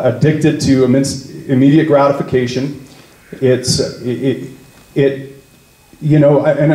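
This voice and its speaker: A man leading a political party, speaking at a party meeting and telling a story, slowing down to lean on key words. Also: medium pitch, warm tone, slight background noise. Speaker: party leader. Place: meeting room. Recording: echoey meeting room.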